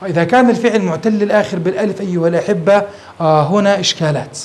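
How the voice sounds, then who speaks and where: A man's voice: high voice, racing, a little mellow, low-quality recording. A sheikh teaching grammar to a class, explaining step by step and putting questions to his students. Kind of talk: classroom lecture at a whiteboard.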